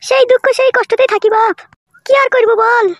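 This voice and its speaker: A woman's voice: very high-pitched, fairly even intonation, brisk, no room sound. A woman acting in a comic family sketch, scolding and quarrelling dramatically.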